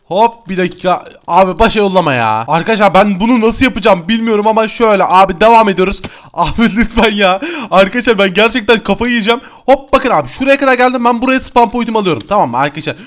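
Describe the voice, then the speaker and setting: A young man with a high, bright voice narrates his Minecraft game for his channel. He is excitable and easily exasperated, and he keeps turning to his viewers like friends. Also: quick pace. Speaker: gaming YouTuber. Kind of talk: Minecraft let's-play commentary.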